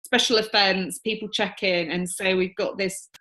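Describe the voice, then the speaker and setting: A woman gives a psychic reading. Her voice sits at a middle pitch and stays level. She talks earnestly and emotionally, restarting her sentences as she relays messages. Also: steady tone, moderate pace, pushed and bright, low-quality recording. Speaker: psychic medium.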